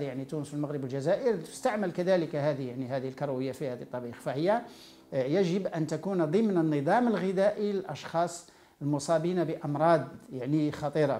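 A Moroccan man teaching about food and health at a very rapid clip. His voice is dark and mellow, and he explains by running through lists item after item. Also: fairly high pitch. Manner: explains by listing items one after another. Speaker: nutrition educator. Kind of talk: informal health lecture.

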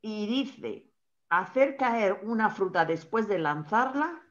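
A woman hosting an interview, asking questions with lively, quick follow-ups. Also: medium pitch. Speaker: interview host. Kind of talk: conversational interview. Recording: slightly dull sound.

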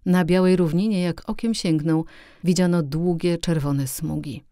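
Woman reading an audiobook, low warm voice, steady and expressive, dry close mic. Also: a little slow, no room sound. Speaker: audiobook reader. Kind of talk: audiobook narration.

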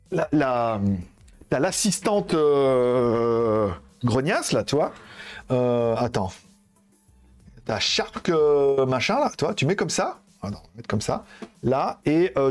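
Handling devices on a casual live stream, this tech streamer jokes and rambles about phones and his plans, swearing here and there. He's very animated yet speaks slowly in a mid-range voice, leaving long pauses. Soft music plays in the background.

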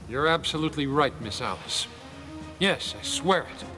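An actor playing a steady frontiersman hero who rallies his companions. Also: a little high, normal speed, music in the background, lightly acted. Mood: resolute. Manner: resolute, rallying companions. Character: bold frontiersman hero, adult man, steady.

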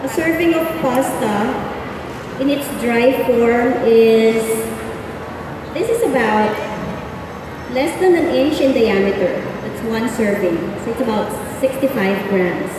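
A woman's voice: a little high, takes it slowly, noisy background. A middle-aged woman from the Philippines giving a live cooking demonstration, explaining each step and chatting with the audience. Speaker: chef doing a cooking demo. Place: large indoor mall event stage. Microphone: far camera in the audience. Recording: echoey hall recorded from far off.

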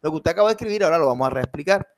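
A man's voice: fairly high pitch, expressive, rapid-fire. A man teaching a live online English class, switching between Spanish and English and checking in with his students.

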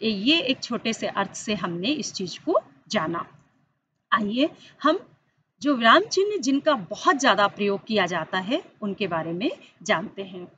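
A woman's voice: pushed and bright, muffled recording, slight background noise. A woman teacher giving an online school lesson, explaining step by step, speaking directly to the children and lifting her voice on the examples. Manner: stresses key words with rising pitch on examples. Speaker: Hindi teacher.

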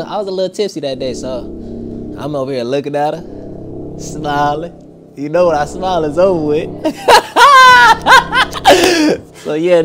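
A man in a reality show confessional, talking in boastful, laid-back slang. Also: on the high side. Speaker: reality show cast member. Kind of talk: confessional interview. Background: music.

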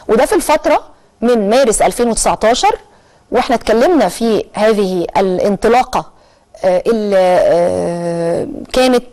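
An Egyptian woman presents a current-affairs programme in a brisk, rapid delivery, her voice sitting a little high. She explains at length, pausing on long drawn-out hesitation sounds before pressing on. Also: darkish tone. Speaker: TV talk show host.

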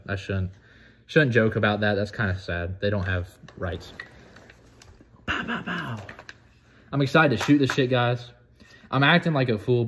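An eighteen-year-old man from the United States chatting casually on a vlog, excitable, profane and rambling. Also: on the low side, slight background noise. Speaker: vlogger.

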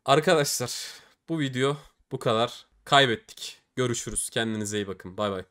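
A man's voice: medium pitch, moderate pace, fairly bright tone. A young man commenting casually on opening game cases, often pleading and groaning at the results. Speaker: case-opening streamer.

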